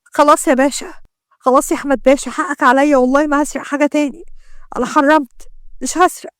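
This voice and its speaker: A man's voice: very high voice, fairly even intonation, fast, a bit bright, no room sound, clean studio sound. A woman voicing a beaten male thief with an Egyptian accent, desperately begging for mercy. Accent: Egyptian Arabic.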